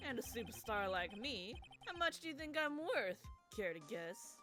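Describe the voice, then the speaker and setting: A woman's voice: on the high side, sing-song, normal speed, music in the background. Woman voicing a smug, sinister bro superstar villain. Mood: boastful, menacing. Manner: gym bro drawl, menacing. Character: smug sinister young male superstar murderer with a bro drawl. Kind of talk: video game character read aloud.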